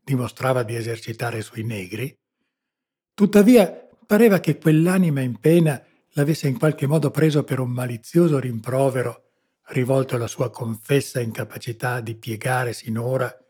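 A man narrating a literary audiobook in a measured, grave reading. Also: mid-range voice, a little mellow, breathy edge.

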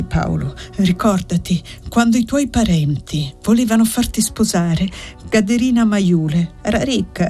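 A woman's voice: fairly high pitch, dark tone, pitched above the performer's own voice. A woman voicing an anxious, devoted young woman in an audiobook, reading plaintively and with agitation.

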